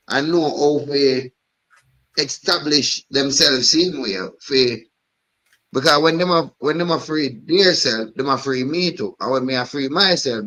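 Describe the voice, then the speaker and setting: Bright-voiced man, rambling chat. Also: mid-range voice. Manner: rambling, repeats "you know what I mean". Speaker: live stream host. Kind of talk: casual chat.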